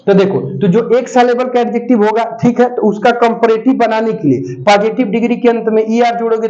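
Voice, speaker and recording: A man teaching an English grammar class, who repeats key points, asks students check questions and dictates notes slowly. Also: high voice, mellow. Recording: dull lo-fi sound.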